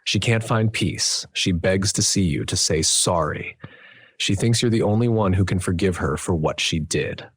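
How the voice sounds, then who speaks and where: A man's voice: low voice, normal speed, husky, dry recording. A man reading an earnest middle-aged aunt.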